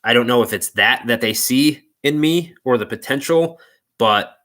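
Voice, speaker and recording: A man's voice: mid-range voice, normal speed, fairly bright tone. A young man hosting a live car stream, chatting loosely and rambling with lots of "like" and "dude.". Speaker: car channel host. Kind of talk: casual live stream chat.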